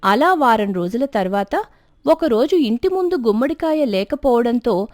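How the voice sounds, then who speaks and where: A woman narrating a moral story for a cartoon, expressive storytelling. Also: on the high side, a little slow, dry recording, studio quality.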